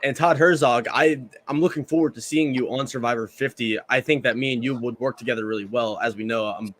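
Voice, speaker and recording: A man's voice: mid-range voice, fairly even intonation, fairly quick, fairly bright tone. A man in his early thirties, a podcast co-host asking long, rambling, enthusiastic questions. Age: 30s. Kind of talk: casual podcast chat.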